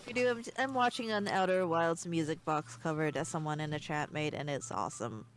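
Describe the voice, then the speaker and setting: A woman hosting a casual game stream, chatting to her viewers in a relaxed way. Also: low voice, brisk, low-quality recording. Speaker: streamer host.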